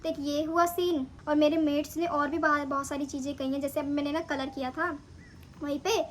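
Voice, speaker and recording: A woman's voice: sits high, steady tone, a little fast, slight background noise. A young woman in clinical training, chatting animatedly as she retells her own experiences in a casual vlog.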